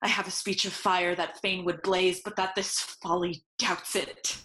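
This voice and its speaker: A woman's voice: lowish voice, little pitch movement, measured pace, bright, forceful tone, a little hiss or hum. Lady acting as angry grieving young noble son, intense shakespeare drama delivery, echoey room. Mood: stunned sorrow. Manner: intense, declamatory. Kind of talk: Shakespearean audio play acting.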